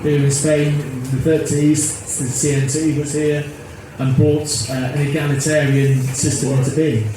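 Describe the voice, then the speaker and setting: The speaker, a fiftysomething activist giving a casual interview, has a voice on the high side with a flat delivery and a slightly slow pace. He is earnest but meanders and repeats himself, and the phone audio is echoey and noisy.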